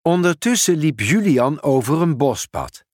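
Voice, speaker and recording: Slow, expressive male storybook reader. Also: on the high side, no echo, studio quality. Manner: expressive, unhurried reading. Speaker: narrator. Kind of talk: storybook read-aloud narration.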